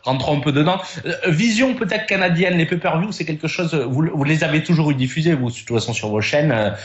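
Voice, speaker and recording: A man from France hosting a casual podcast discussion, lively and leading the questions. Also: on the high side, brisk. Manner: animated, leading questions, frequent "concrètement". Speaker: podcast host. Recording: dull lo-fi sound in a roomy space.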